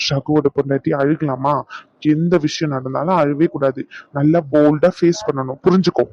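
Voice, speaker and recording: A man's voice: on the high side, darkish tone, no echo. A man voicing a young cartoon husband who teases and coaxes his wife affectionately, heard on a dull lo-fi recording. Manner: playful, teasing, coaxing. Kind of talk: animated cartoon voice acting. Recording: dull lo-fi sound.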